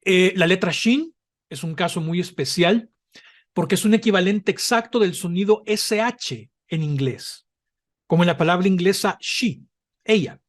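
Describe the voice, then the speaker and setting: A man teaching a Hebrew language class, explaining patiently and often pausing with "eh" or checking in with "¿verdad?". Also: sits high. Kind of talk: online class lecture.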